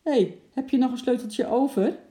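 A narrator voicing a cheerful, jovial man who calls out loudly, in a children's audiobook. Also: medium pitch, animated, moderate pace, voice pushed up, lightly acted. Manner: loud and jovial. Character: cheerful jolly man, a zoo worker. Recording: roomy echo.

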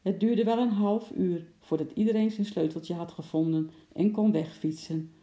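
A narrator reads a children's story in a lively, animated way. The voice is dark and gravelly. It is recorded in a roomy, echoing space. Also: mid-range voice, normal speed. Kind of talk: children's audiobook reading. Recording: roomy echo.

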